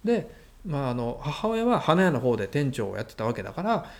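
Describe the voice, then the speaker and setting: A man with a Kansai accent, a guest mentor recounting work stories in casual conversation, animated and chuckling. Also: medium pitch, a little fast, vocal fry. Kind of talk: conversational storytelling.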